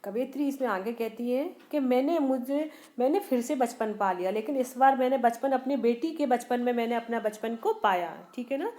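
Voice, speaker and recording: Lady teacher going through a poem line by line, pretty high voice, keeps asking the kids what words mean then answers herself. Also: moderate pace, few pauses, dark tone. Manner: asks students questions and answers them herself; repeats and rephrases lines with small restarts. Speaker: Hindi teacher. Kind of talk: poem explanation lesson for students.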